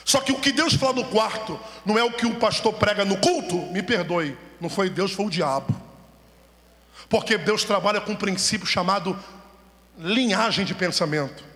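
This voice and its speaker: A man preaching in a church, his high, bright voice ringing through a long hall reverb. He drives the sermon with rhetorical questions and pushes the congregation to answer amen. The sound is echoey and roomy, as from a church's own sound system. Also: moderate pace. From Brazil. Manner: animated, rhetorical questions, calls for amens. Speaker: pastor preaching. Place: church sanctuary, at the altar.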